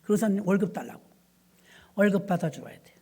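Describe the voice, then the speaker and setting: A woman's voice: medium pitch, fast talker, breathy edge. A middle-aged woman pastor preaching, telling stories from her church and acting out the dialogue. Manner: lively anecdotal storytelling, acting out dialogue. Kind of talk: storytelling sermon.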